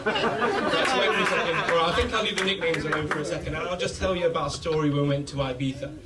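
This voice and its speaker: A British best man gives a bantering, laddish, informal speech to guests at a wedding reception, talking rapid-fire in a fairly high voice. The recording comes from a distant mic, with a loud crowd and plenty of noise.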